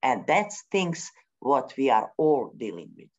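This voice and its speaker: Woman speaking slowly and animatedly. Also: very deep voice, sing-song. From Bosnia. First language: Bosnian. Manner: halting, searching for words with many pauses; non-native English grammar. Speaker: forum speaker. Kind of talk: spontaneous spiritual talk. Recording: dull lo-fi recording.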